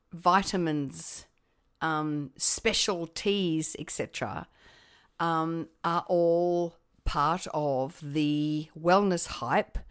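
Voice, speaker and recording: Hoarse middle-aged woman, low and slow. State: hoarse from a cold and laryngitis. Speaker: podcast host. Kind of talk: conversational podcast talk.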